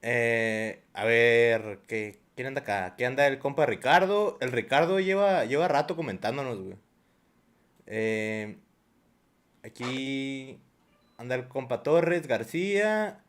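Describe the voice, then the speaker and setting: A man's voice: medium pitch, expressive, slow, fairly bright tone, clean tone. A man from Mexico hosting a casual podcast with guests, joking in slang and laughing often. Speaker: podcast host. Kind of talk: casual chat.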